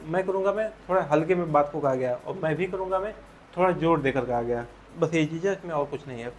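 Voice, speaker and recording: Male Hindi teacher, slightly high voice. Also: a little hiss or hum. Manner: patient, leading questions to students. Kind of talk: explaining a textbook chapter.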